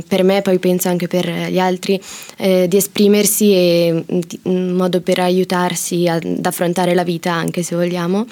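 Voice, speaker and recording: A teenage girl, a student, speaking softly and hesitantly before reading her poem. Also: on the low side. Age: teens. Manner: soft-spoken, hesitant. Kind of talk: poetry reading.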